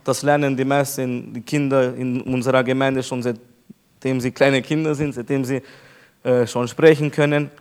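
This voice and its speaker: A pastor preaching an emphatic sermon to his congregation, slowing down to repeat key phrases. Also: medium pitch, little pitch movement, darkish tone, smooth.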